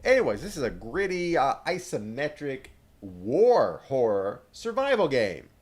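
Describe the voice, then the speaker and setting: A man's voice: medium pitch, very animated, a little slow, a little mellow. A man hosting a let's play, giving rambling, chatty gameplay commentary with lots of filler words.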